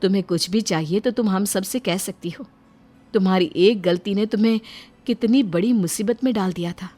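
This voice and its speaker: Woman doing a gentle wronged young daughter-in-law. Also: mid-range voice, normal speed, soft background music, close to an everyday voice. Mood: kind. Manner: soft, tearful.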